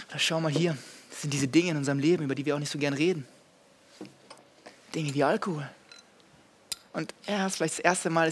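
A man preaching a live sermon on stage, asking the audience direct questions and building to loud, fervent passages. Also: on the high side, slightly rough.

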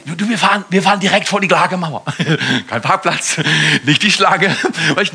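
High, husky, lively male preacher. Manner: animated, swings from loud bursts to hushed tones. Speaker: pastor. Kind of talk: energetic sermon.

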